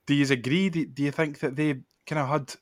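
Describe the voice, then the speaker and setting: A man's voice: on the high side, steady tone, a little fast, dry recording. Podcast host, male, Scottish accent. Casual football chat, level intonation, very dry recording.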